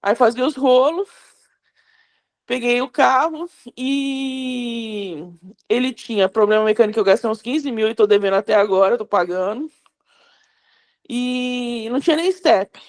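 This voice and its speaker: A woman's voice: a little high, unhurried. A Brazilian woman in her fifties, a class participant, telling a personal story in a rambling, self-correcting way over a video call. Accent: Brazilian Portuguese. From São Paulo, Brazil. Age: 50s.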